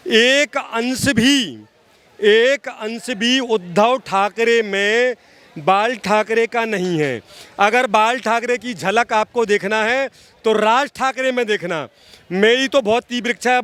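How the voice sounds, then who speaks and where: High and fairly bright, this man's voice carries emphatic political opinions as he's interviewed about his activism. He repeats phrases, speaks directly to the listener, and argues with real passion.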